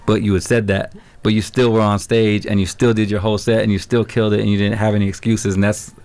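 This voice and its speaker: Low-voiced middle-aged DJ, earnest. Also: male voice, flat delivery, a little mellow. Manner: thoughtful, earnest, slightly halting. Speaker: DJ guest. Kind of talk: casual radio interview. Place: radio studio.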